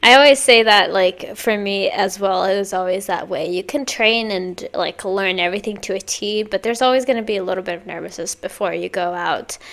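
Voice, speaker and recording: A woman's voice: medium pitch, gravelly, a bit bright. A woman who is a native Swedish speaker, giving chatty, explanatory commentary in a casual reaction video.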